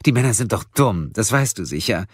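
A man voicing a deranged, gleeful woman kidnapper in an audiobook, with shrill giggling and sing-song menace. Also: animated, fairly quick, slightly rough, no echo, clean studio sound. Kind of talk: audiobook character voice.

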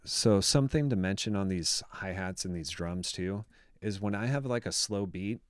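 A man's voice: deep voice, moderate pace, slight background noise. A man who produces music, walking through his production in a casual, enthusiastic way, full of filler words, talking into a studio microphone. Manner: chatty and enthusiastic, many "like" fillers.

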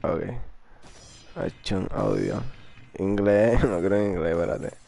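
A man giving crude, excitable commentary while playing a video game, swearing constantly. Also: lowish voice, unhurried, slight background noise. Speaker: gamer. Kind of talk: casual gameplay commentary.

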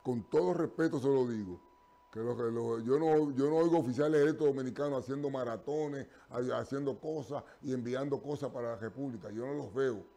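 Older man, TV call-in host, halting speech full of fillers, emphatic bursts, studio lapel mic. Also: mid-range voice, vocal fry, mellow. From Puerto Rico. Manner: halting, with many fillers and restarts, turning emphatic. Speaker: TV call-in show host and pastor. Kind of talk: live TV call-in talk.

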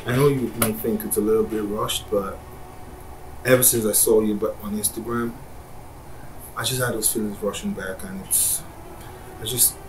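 A man's voice: on the low side, steady tone, moderate pace, long pauses, background noise, close to an everyday voice. An actor in his thirties playing a pushy, smitten ex-boyfriend, eager and pleading, in a naturalistic film drama. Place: small living room indoors. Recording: echoey room, distant mic, music behind.

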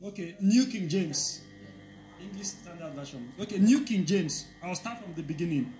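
A man reading Bible verses aloud during a sermon, steady and careful, calling out each verse number. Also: sits high, normal speed, soft background music, rough recording. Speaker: scripture reader.

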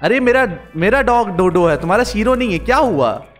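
A man hosting a casual game role-play, talking excitedly with lots of exclamations and fillers. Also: high-pitched, a little fast, faint music behind. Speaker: gaming channel host.

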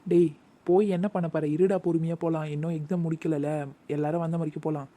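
A dark, warm cartoon voice, quick and firm, as a woman plays a boy. He is a sensible schoolboy who keeps telling his friend to hush. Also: sits low. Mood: scolding. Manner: calm, scolding. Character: level-headed teenage schoolboy. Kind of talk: cartoon voice acting.

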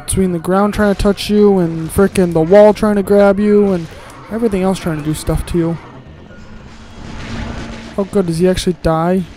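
A man's voice: high-pitched, fairly even intonation, moderate pace, music in the background, rough recording. A man giving casual, grumbling let's-play commentary while he plays, with sarcastic asides and casual swearing.

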